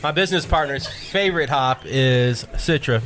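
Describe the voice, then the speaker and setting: A man's voice: medium pitch, normal speed, fairly bright tone, a little hiss or hum. A man chatting casually and wryly as a guest on a beer podcast. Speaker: brewer guest.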